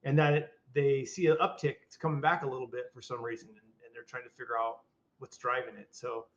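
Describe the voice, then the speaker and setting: An older man co-hosts a podcast, chatting casually in a mid-range voice with a level tone and a fast pace. He rambles, restarts his sentences, and uses lots of fillers. The audio is dull and lo-fi.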